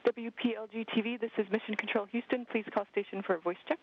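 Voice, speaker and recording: A mission control operator calling over a radio link in brisk, formal call-and-response protocol. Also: medium pitch, little pitch movement. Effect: radio transmission over a communications link. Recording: muffled radio link with faint hiss.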